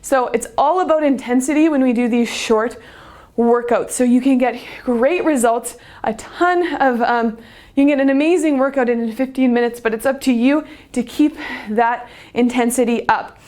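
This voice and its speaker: A woman's voice: a little high, moderate pace, darkish tone. A young woman fitness instructor talking through a workout while doing it, upbeat and slightly out of breath. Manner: upbeat, cueing exercises while moving. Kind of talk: workout demonstration.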